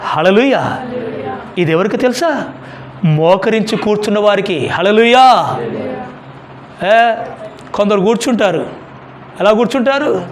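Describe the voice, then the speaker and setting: Male pastor preaching hard, high voice swinging all over, bit of hiss behind. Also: expressive, measured pace, pauses often. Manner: emphatic preaching, rhetorical questions, frequent hallelujah. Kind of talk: sermon.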